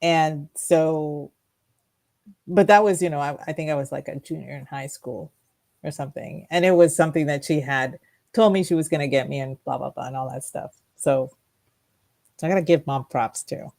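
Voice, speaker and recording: A middle-aged woman co-hosts a radio talk show from the studio, telling rambling personal stories and laughing often. Her low voice is creaky and mellow, and she speaks at a normal speed.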